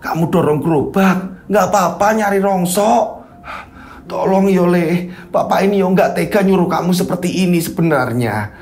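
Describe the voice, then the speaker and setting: A man voicing a poor, hardworking father who talks high and strained. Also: moderate pace, a little mellow, close to an everyday voice. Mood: pleading. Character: hardworking poor father, furious then frail.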